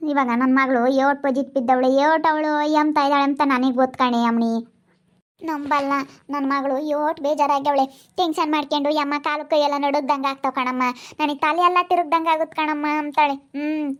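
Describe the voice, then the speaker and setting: A woman's voice: high-pitched, natural voice. A woman playing an older mother soothing her daughter. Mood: worried. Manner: soothing, repeats herself. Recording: dull lo-fi sound.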